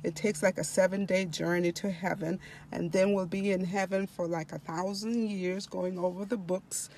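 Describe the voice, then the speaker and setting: A woman slowly reading scripture aloud and commenting on it, repeating key phrases for emphasis. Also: on the low side, fairly even intonation, darkish tone, slight background noise. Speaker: devotional reader and host. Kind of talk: slow devotional reading with commentary.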